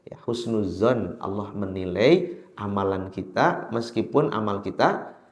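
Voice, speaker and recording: A man with a Sundanese accent preaching a sermon in a mosque, telling a story with sudden high, loud outbursts and chanting verses slowly. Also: expressive. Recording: echoey mosque hall.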